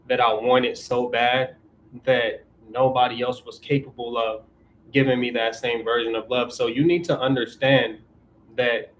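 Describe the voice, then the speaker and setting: In a laid-back live stream Q&A, a man in his twenties reads out viewer questions and offers relationship advice. His voice sits at medium pitch, picked up by a camera on an auto-tracking mount with slight background noise.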